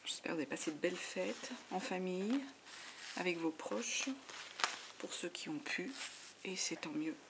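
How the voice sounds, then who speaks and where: A woman giving a monthly tarot reading in a soft, half-whispered voice full of fillers, her voice giving out. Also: fairly low pitch, moderate pace, long pauses. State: voice giving out, clearing throat. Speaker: tarot reader. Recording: noisy home recording.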